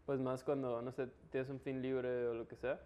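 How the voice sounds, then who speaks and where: A man speaks casual Mexican Spanish at a middling pitch. He explains things colloquially, with plenty of street slang, as in a relaxed conversation. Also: normal speed, crowd noise. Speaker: interview guest, local trail biker.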